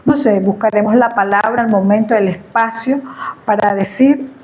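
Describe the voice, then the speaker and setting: A woman, speaking as a therapist in a lively, chatty way about inner peace, often checking whether she is understood. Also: medium pitch, moderate pace, dull audio. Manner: chatty, animated, asks "¿me entiendes?". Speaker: host, therapist. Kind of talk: conversational talk on inner peace.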